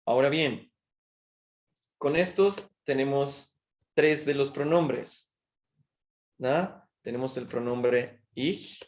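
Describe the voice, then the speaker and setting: A man with a medium-pitched voice teaches a language class over a video call, speaking slowly with long pauses. In this online lesson he explains patiently and often checks in with short questions.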